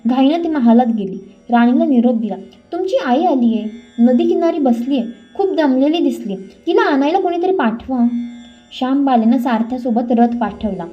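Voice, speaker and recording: A woman reading a devotional story aloud, in a dramatic way that gives each character a voice. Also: on the high side. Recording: dull lo-fi with faint music.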